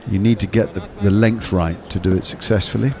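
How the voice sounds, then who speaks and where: Commentator, male, very low voice, steady explaining delivery, noisy audio behind. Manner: measured, explanatory, with small restarts. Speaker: cricket commentator on a watchalong. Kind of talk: ball-by-ball commentary.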